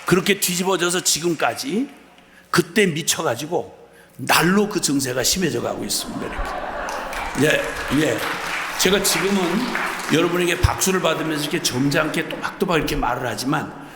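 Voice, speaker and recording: A man giving a storytelling sermon testimony as a missionary preacher, quoting voices with sudden loud and soft turns. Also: a little high, animated, moderate pace, a crowd in the background, noisy background. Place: large hall at a mission conference. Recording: long hall reverb from a venue mic.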